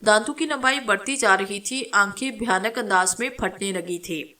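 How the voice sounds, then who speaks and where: Give me a woman narrating a horror story with a bright, crisp voice. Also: medium pitch. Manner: steady dramatic reading. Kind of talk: dramatic narration of a horror novel.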